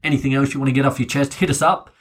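A man's voice: mid-range voice, steady tone, racing, husky. A man hosting a casual sports podcast, chatty and upbeat as he steers the segments. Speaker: podcast host.

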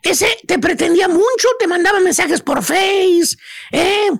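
High, gravelly Mexican woman gossiping. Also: dry recording. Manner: teasing, rapid, full of tag questions. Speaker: radio co-host. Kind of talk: comic gossip storytelling.

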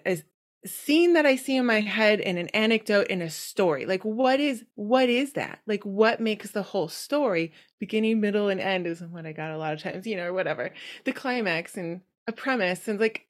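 Female podcast host. Middle pitch, meandering think-aloud delivery, loose and conversational. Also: fairly bright tone. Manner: rambling and chatty, thinks aloud with many fillers.

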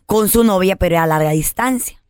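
A Mexican woman hosts a podcast and tells a story with lively, drawn-out emphasis. Her voice sounds dry and close, in a mid register. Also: mid-range voice, clear, resonant tone, dry recording. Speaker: podcast host. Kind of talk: storytelling casual chat.

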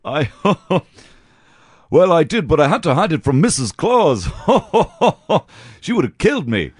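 A man's voice: fairly high pitch, big pitch swings, takes it slowly, breathy edge, dry recording, full character voice. A man playing a giggly Santa Claus. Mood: amused. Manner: keeps breaking into laughter, hesitant.

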